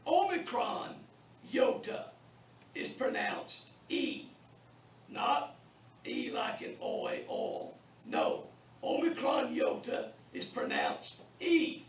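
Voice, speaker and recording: A man teaching a beginners' Greek class in a classroom, drilling sounds slowly and deliberately with lots of repetition and a teasing sense of humor. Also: high-pitched, huge pitch swings, distant mic, slight background noise. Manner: wry, teasing humor with students. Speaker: Bible college Greek teacher. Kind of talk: classroom lecture. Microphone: distant room mic. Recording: echoey classroom taped from afar.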